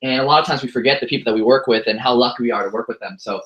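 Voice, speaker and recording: A young American man in his 20s, a motivational speaker, races through a speech to an audience in a bright, medium-pitched voice. He jokes a lot, telling self-deprecating stories. The room sound is echoey.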